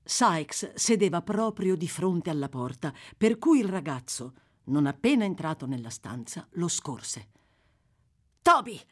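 A woman reading a classic novel aloud, narrating in a measured, dramatic storytelling manner. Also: low-pitched, expressive, darkish tone. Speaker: audiobook reader. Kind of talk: scripted literary narration.

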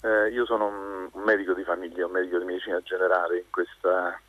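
A man with a very deep, husky voice calls into a live radio show, and he is heard over a tinny phone line. He speaks earnestly and methodically, going through his concerns point by point. The line sounds close and dry. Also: flat delivery, quick pace, no room sound. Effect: heard over a telephone line. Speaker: radio call-in caller, family doctor.

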